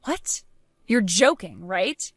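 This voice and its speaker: A scheming young wife who has been unfaithful, coaxing and pleading in a middle-pitched voice, as a woman acts her out. The sound is dry and close, with no room around it. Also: very animated, takes it slowly, slightly rough, no room sound, full character voice. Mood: defensive.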